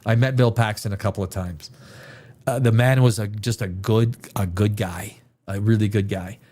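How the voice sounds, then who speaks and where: Talking about movies on a livestream, this Canadian man is casual but forceful, restating phrases to drive his opinions in. His voice is fairly low and a little mellow, with a steady tone and moderate pace.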